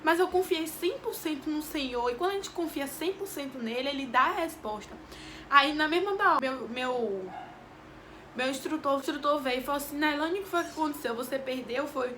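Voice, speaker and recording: High, bright-voiced devout woman vlogger. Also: lively intonation, brisk, slight background noise. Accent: Bahian Brazilian Portuguese. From Brazil. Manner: heartfelt, devout, repeats phrases. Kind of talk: emotional personal testimony.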